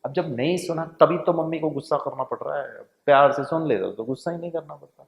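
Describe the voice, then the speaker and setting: Gravelly-voiced man giving a spiritual talk. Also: fairly high pitch, brisk. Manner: lively storytelling with humor and questions to the audience. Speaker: spiritual speaker. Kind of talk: spiritual lecture to an audience. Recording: echoey hall, dull lo-fi sound.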